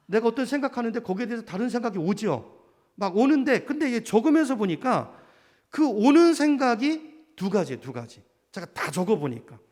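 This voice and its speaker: Gravelly high-pitched male pastor preaching. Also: a little mellow. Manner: conversational preaching, rising to fervent emphasis. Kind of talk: sermon. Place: church sanctuary. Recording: reverberant church hall.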